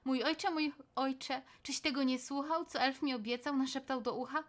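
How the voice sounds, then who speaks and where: A woman voicing a frightened young boy who pleads urgently with his father in a high voice. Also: fairly even intonation, moderate pace, lightly acted.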